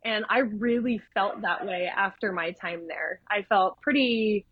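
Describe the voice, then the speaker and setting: A woman's voice: mid-range voice, measured pace, narrow, tinny audio, a little hiss or hum. A woman from Idaho, a podcast guest and nurse educator, telling stories in casual conversation and acting out the voices of people she quotes. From Idaho, USA. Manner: animated, acts out quoted dialogue with shifts in voice.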